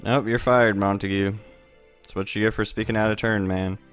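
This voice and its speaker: A man's voice: lowish voice, fairly even intonation, moderate pace, a bit bright, clean tone, soft background music. A man giving laid-back, joking gameplay commentary and swearing freely as the host of a let's play.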